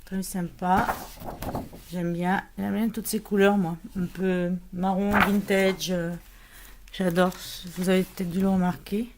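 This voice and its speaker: A woman's voice: lowish voice, flat delivery, a little slow, noisy background. A woman chatting casually as she unboxes and shows scrapbooking paper, with lots of fillers and restarts. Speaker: scrapbooking vlogger.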